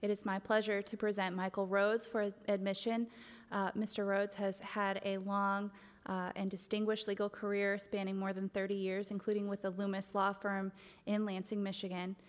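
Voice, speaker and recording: A woman's voice: medium pitch, flat delivery, moderate pace. A woman attorney making a formal presentation to a court. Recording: echoey hall.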